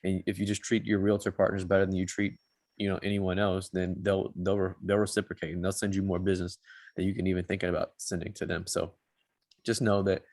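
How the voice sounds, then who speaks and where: A man's voice: low-pitched, little pitch movement, brisk, darkish tone, dry recording, clean studio sound. A man who works as a mortgage loan officer, giving blunt, folksy advice with lots of restarts in a casual panel chat.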